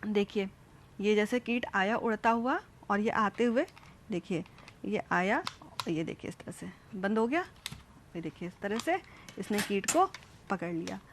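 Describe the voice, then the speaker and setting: A woman's voice: mid-range voice, expressive, measured pace, a little hiss or hum. A woman teaching a school science lesson, speaking straight to children and repeating each step as she demonstrates.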